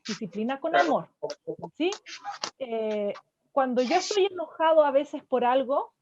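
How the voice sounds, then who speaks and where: A woman's voice: on the high side, a little hiss or hum. A woman counselor giving a parenting lecture to an audience, checking in with her listeners again and again through short tag questions. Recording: dull lo-fi sound.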